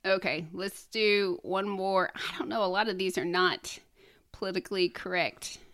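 A woman's voice: medium pitch, steady tone, normal speed, a bit bright. A woman co-hosting a casual podcast, reading jokes aloud with frequent giggles. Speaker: podcast co-host. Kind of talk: casual joke-reading chat.

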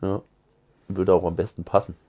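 A man's voice: sits low, level tone, normal speed, warm tone. A man co-hosting a casual cigar review chat, who has a cold, agreeable with short replies. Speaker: podcast co-host.

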